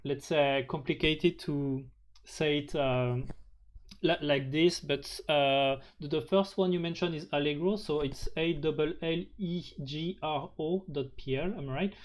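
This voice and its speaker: French-accented male host, higher pitch, courteous, double-checks facts, call audio. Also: a little slow. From France. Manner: polite, checks details by asking back. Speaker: interviewer. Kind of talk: casual online interview. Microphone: video call.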